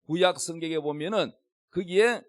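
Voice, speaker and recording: A man's voice: a little high, moderate pace, no echo, studio quality. A middle-aged man preaching an emphatic sermon as a pastor, questioning the congregation directly. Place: church.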